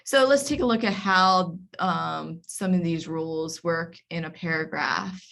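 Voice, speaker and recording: Slow, careful woman teaching a workshop. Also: lowish voice, gravelly, a bit bright. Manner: explains step by step, many ums and restarts. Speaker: library workshop instructor. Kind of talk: online workshop lecture. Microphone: video call.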